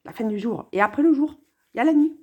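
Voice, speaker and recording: Woman riffing on song lyrics, high voice that jumps all over, mocking and chatty. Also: lively intonation, fast talker, slightly rough, highs cut off. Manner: sarcastic, playful, talks to the viewer. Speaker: commentator on a song. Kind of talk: casual spoken commentary.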